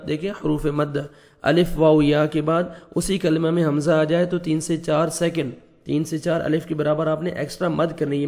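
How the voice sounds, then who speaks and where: A man with a Pakistani Urdu accent teaching Quran recitation rules, patiently explaining step by step and chanting verses slowly. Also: on the high side, vocal fry, a little mellow.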